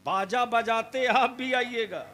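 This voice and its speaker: A man preaching a fiery sermon at an outdoor gathering, questioning the crowd and rising into shouts. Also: very high-pitched, slow. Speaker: Islamic preacher.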